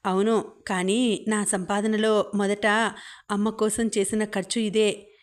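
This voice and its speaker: Woman voicing an affectionate young husband, playful and reasoning, in an even, flat storybook read. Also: medium pitch, takes it slowly, lightly acted. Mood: warm, teasing.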